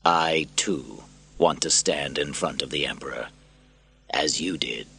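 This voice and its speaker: A man's voice: extremely low pitch, a little slow, creaky, sharp tone, slightly rough, soft background music, exaggerated voice. A man voicing a determined gladiator who speaks steadily and earnestly. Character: male gladiator, determined and resolute.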